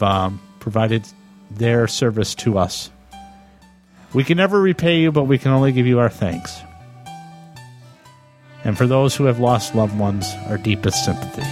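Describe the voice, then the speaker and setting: A man in his forties from the United States, hosting a solo podcast and reflecting aloud in a thoughtful, halting way, pausing to find his words. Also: mid-range voice, a little mellow. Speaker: podcast host.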